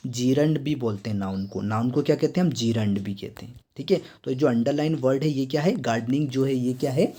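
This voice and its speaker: A young man from India with an Indian accent, explaining an entrance exam answer key. His voice is mellow and somewhat dark at a middling pitch. He quizzes his listeners with repeated questions and slows down for each English sentence. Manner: repeats quiz questions to students, reads English items slowly. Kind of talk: exam answer walkthrough lesson.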